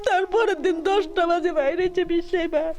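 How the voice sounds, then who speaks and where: A woman's voice: very high voice, fairly even intonation, fairly quick, darkish tone. A middle-aged woman with a rural Dhaka-area Bangladeshi accent, crying hard as she speaks in a tearful, wailing lament. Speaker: bereaved mother being interviewed.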